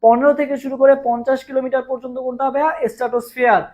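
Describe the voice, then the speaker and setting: Fast-talking hoarse Bangladeshi male teacher. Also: very high-pitched, little pitch movement, darkish tone, muffled recording. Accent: Bangladeshi Bengali. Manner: fast, repetitive, drills answers with students. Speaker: chemistry teacher. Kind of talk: live online class.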